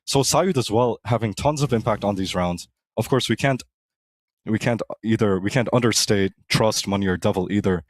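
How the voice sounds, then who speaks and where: A man's voice: lowish voice, normal speed, no echo. A man giving esports color commentary, fluent and full of enthusiastic praise for the players. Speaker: esports caster.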